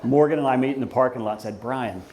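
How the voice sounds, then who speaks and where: A middle-aged man giving an informal father of the bride speech at a wedding reception, conversational and anecdotal, pausing for the guests. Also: mid-range voice. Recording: echoey room, loud crowd and background noise. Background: crowd of guests, room noise.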